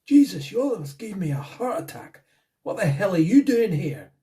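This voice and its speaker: A man voicing a tough Scottish gangster with a gruff, swaggering manner and a Scottish accent. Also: high-pitched, big pitch swings, moderate pace, warm tone. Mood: startled. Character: hard Scottish gangster man, blustering, threatening.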